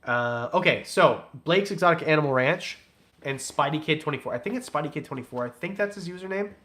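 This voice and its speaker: A young reptile breeder and channel host sounds lively on his casual livestream, with a high-leaning, fairly bright voice and a fairly quick pace. He reads donations aloud and chats in a rambling, jokey, loose way.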